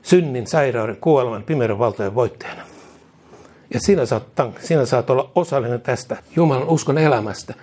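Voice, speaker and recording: A man's voice: medium pitch, a little mellow, slightly rough. A man preaching a fervent sermon, leading the congregation in a prayer they repeat line by line. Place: church.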